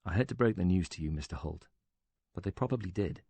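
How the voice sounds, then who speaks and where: A calm male interviewer in a spoken audiobook, measured and steady as he asks pointed questions, read by a man. The low, husky voice is recorded close and dry. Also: dry recording, full character voice. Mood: probing.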